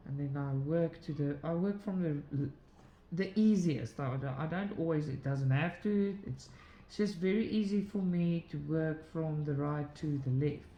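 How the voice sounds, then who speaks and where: A woman's voice: low voice, unhurried, mellow, highs cut off. A woman hosting a cross-stitch channel from her home, chatting casually while she stitches, rambling through asides and laughing often. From South Africa. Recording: roomy echo, faint background noise.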